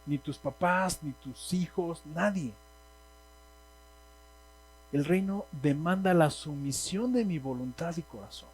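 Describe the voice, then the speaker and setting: A man's voice: on the high side, expressive, slow, pauses often, darkish tone, soft background music, rough recording. A man with a Mexican Spanish accent preaching a sermon in a church, speaking emphatically and asking the congregation questions. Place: church hall.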